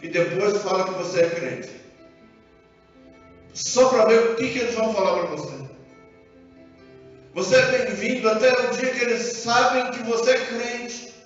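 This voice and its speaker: A man with a Brazilian Portuguese accent preaching a sermon as pastor in a church, animated and acting out dialogue. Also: very high voice, normal speed, long pauses. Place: church sanctuary. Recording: echoey hall from far off, dull sound, music behind.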